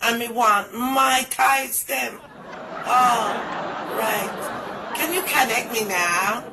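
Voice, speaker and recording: A middle-aged comedian with a British Jamaican accent performs a bawdy comic phone call full of patois phrases, recorded close up on a phone camera with wired earphones in a small indoor room. Her slightly high voice is very slow with vocal fry, set against a very noisy crowd.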